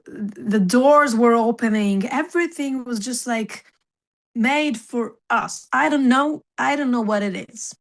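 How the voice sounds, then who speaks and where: Chatty young woman from Serbia. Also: a little high. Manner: chatty, laughs often, many fillers. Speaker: singer, interview guest. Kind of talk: casual interview chat.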